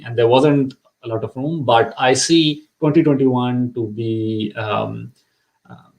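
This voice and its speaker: A middle-aged immigration consultant whose first language is Urdu gives earnest immigration advice during a live session, using many fillers and repeated words. His medium-pitched voice is creaky, and the recording quality is low.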